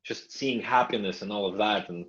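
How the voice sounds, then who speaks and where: A young man who grew up in Canada and whose first language is Russian speaks thoughtfully as a guest in a podcast interview, often trailing off and starting over. His voice is fairly low and fairly bright at a normal speed, heard through muffled, lo-fi audio.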